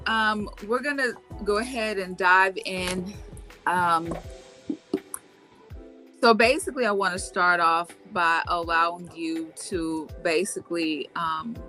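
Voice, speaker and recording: A woman hosts a casual talk show with a low, unhurried voice. Her speech is laid-back and full of fillers. Faint music plays behind her. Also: sharp tone. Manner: laid-back, many fillers like "you know" and "um". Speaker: host.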